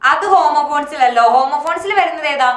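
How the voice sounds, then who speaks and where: In a reverberant recording, a woman English teacher with a Malayali accent runs an online class, posing questions and answering them herself. Her voice sits high and moves briskly.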